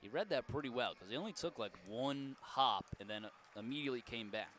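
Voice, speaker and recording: A man calling baseball play-by-play in a folksy, joking way, and he gets loud when the big plays come. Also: medium pitch, expressive, fairly quick, slight background noise. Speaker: play-by-play announcer.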